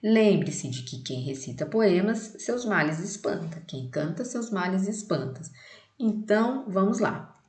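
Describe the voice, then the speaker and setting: A woman's voice: medium pitch, expressive, a little slow, darkish tone, echoey room. A Brazilian woman teaching a lesson and reading a children's poem aloud, explaining to the class with frequent "né" and "tá".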